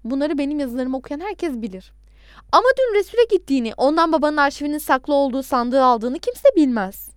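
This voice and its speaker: A woman's voice: high-pitched, lively intonation, fast, no room sound, studio quality, pitched above the performer's own voice. A woman reading the part of an adult man who pleads and insists on the phone, in an audiobook. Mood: pleading.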